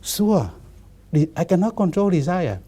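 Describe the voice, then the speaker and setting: A Buddhist monk in his fifties, voice sitting high and slightly rough, speaks in a relaxed discussion; his non-native English is halting and repetitive, with many restarts.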